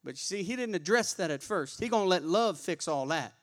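High-voiced preacher man. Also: a little fast. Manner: call-and-response preaching, colloquial and animated. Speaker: pastor. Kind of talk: sermon.

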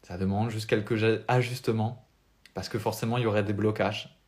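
Young french guy, life coach, earnest pep talk on a live stream, lowish voice. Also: steady tone, a little fast, darkish tone. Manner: earnest, motivational, speaks without notes.

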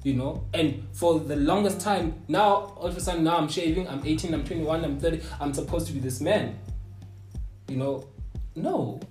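A man's voice: fairly high pitch, moderate pace, darkish tone. A man hosting a casual panel discussion, talking earnestly and often adding "you know". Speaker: host. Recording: roomy studio with music bed.

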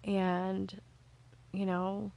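A woman's voice: medium pitch, completely flat delivery, extremely slow, gravelly, a little mellow. A woman in her thirties co-hosting a podcast, chatting in a giggly, confessional way. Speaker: podcast co-host. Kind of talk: casual chat.

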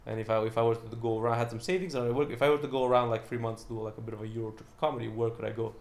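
A man's voice: mid-range voice, steady tone, racing. A young British man, a stand-up comedian, chatting casually in a rambling way with lots of fillers and restarts. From Britain. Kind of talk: casual chat.

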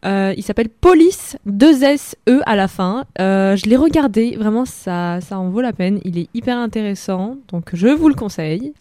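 A woman's voice: medium pitch, lively intonation, normal speed, hardly any pauses, dark tone, no room sound. An eighteen-year-old woman runs a radio film segment with a light, teasing manner. Her voice sits in a middle register and comes through dry and close on a studio microphone. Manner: playful, lightly joking while listing films. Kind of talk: casual radio chat.

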